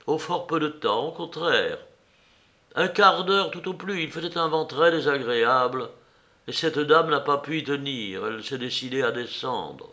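A man voicing a proud, evasive gentleman under arrest who speaks with restrained anger. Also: a little high, moderate pace.

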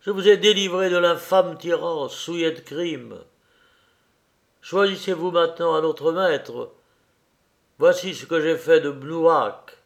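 A man voicing a proud, commanding young queen, declaiming loudly in a raised, ringing voice. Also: on the high side, takes it slowly, vocal fry, voice pushed up. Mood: defiant triumph.

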